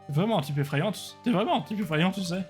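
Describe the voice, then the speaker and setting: A man's voice: high voice, lively intonation, fast talker, soft background music. A man voicing a goofy, hapless young man who whines, stammers and gets defensive. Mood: whiny.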